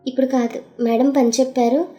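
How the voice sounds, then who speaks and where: Brief: a woman playing an eager young office assistant, mellow high voice, soft music. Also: level tone, fairly quick, close to an everyday voice. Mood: cheerful. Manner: cheerful, evasive.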